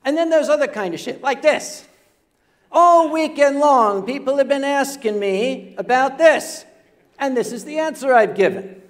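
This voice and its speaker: A man's voice: extremely high pitch, expressive, measured pace. An older man telling a comic story on a convention stage, rambling and self-mocking with humorous asides. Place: convention stage before an audience.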